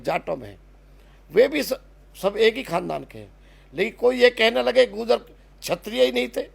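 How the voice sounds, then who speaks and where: A man's voice: sits high, gravelly, breathy edge. A man making an impassioned spoken argument, stressing words and restarting phrases. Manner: emphatic, repeats and restarts words, lists places.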